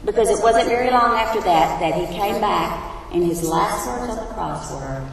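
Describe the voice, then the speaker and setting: A woman's voice: mid-range voice, animated, normal speed, gravelly, far from the mic, a little hiss or hum. A woman teaching a sermon who asks her congregation questions, her voice echoing around a big hall. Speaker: Bible teacher. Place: large hall.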